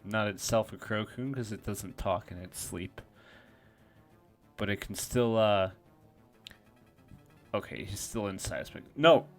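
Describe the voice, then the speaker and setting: Low-voiced man commentating a game match. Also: a little slow, pauses often, faint music behind. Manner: self-deprecating, thinks aloud, frequent restarts. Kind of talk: casual play-by-play commentary.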